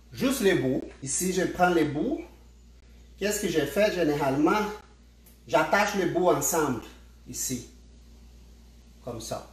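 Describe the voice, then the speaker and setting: Slow-talking man, echoey room. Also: high-pitched. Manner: repeats and restarts words, addresses viewers directly. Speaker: spinning instructor. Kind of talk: casual livestream tutorial.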